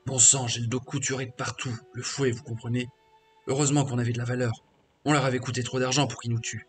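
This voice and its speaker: A man's voice: mid-range voice, little pitch movement, fast, soft background music, lightly acted. A man reading a scornful half-orc ex-slave. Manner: crude, scornful, boastful. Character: bitter defiant male half-orc ex-slave warrior mage. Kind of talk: reading game dialogue aloud.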